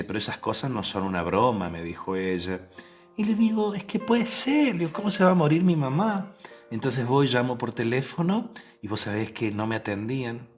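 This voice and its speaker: An Argentine man giving a novena talk with a personal story, speaking conversationally with restarts and questions to the listeners. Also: lowish voice. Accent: Rioplatense Spanish. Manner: acts out the voices in his story. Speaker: preacher.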